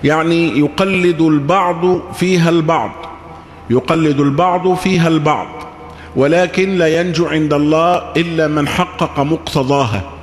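High-voiced preacher in echoey hall. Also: male voice, moderate pace. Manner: explanatory, rhetorical questions, repeats phrases for emphasis. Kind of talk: Friday sermon.

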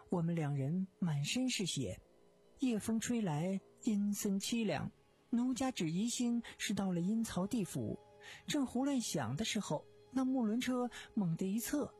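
A woman's voice: mid-range voice, darkish tone, slightly rough. A woman voicing a young wronged wife who earnestly recounts her ordeal in radio storytelling. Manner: earnest, pleading first-person telling. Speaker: storyteller voice of a female character.

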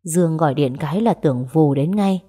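A woman narrating a romance story aloud and voicing its characters in a gentle, even way. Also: deep voice, a little fast, slightly rough. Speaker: audiobook narrator. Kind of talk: storytelling narration with dialogue voices.

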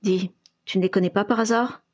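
A man's voice: sits high, steady tone, fairly quick. A woman reading aloud and voicing a young wizard investigator who speaks coldly and curtly. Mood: suspicious. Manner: cold, curt.

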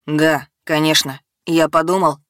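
A woman's voice: low voice, fairly even intonation, unhurried, fairly bright tone, no room sound, clean studio sound. A woman voicing a bewildered, furious teenage boy in an audiobook, speaking harshly and accusingly. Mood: confused.

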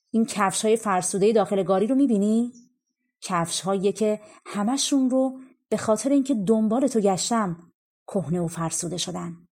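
Lady reading as death posing as a cart driver, sly and menacing, soft dark husky voice. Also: mid-range voice. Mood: gloating. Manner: pleading then gloating. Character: Death disguised as an old male carter, sly and menacing.

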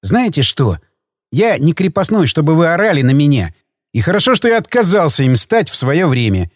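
A man's voice: fairly high pitch, very animated, moderate pace, dry recording, clean studio sound. A man voicing a defiant young husband. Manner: curt, defiant retorts. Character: defiant young husband, stubborn and sharp-tongued.

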